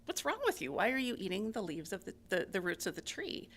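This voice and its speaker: A woman voicing a kindly male creator spirit in a spoken parable, asking questions gently and patiently. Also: mid-range voice, big pitch swings, a little fast. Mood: concerned.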